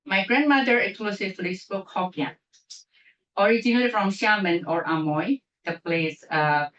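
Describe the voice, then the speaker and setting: A woman from Indonesia delivers a prepared closing speech at an academic symposium, speaking carefully and restarting on long words. Her voice is fairly low in pitch with a fairly bright tone. The echoey lecture hall and distant mic leave the sound muffled.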